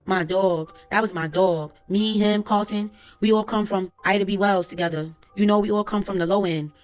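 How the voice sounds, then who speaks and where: A woman reading aloud a court transcript as the words of a young male witness, in a plain, unhurried voice full of street slang, with faint music behind her. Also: mid-range voice, steady tone, close to an everyday voice.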